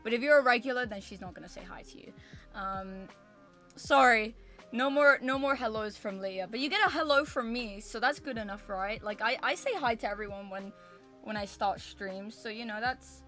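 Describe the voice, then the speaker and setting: A woman's voice: a little high, normal speed, pushed and bright. A woman chatting casually on a livestream as a variety streamer, with a cute, bubbly, apologetic anime-streamer manner. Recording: music behind the voice. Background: music.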